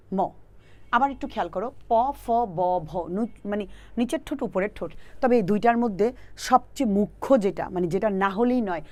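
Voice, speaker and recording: A woman teacher from Bangladesh, giving an online exam-prep lesson. She talks patiently, sounds out letters slowly and keeps checking that students follow. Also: medium pitch, darkish tone.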